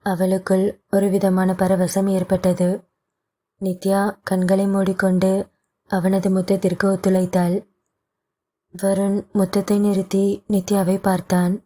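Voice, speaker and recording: A woman narrating a romance audio novel as scripted narration, with a slow, even storybook reading. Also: mid-range voice.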